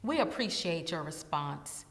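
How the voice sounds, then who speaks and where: A woman interviewer reading formal questions to a candidate in a measured way. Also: low-pitched, big pitch swings, a bit bright. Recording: hall with long reverb.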